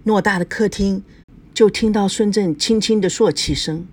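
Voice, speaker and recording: A woman narrating a spoken story in an expressive reading style. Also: mid-range voice, moderate pace, breathy edge.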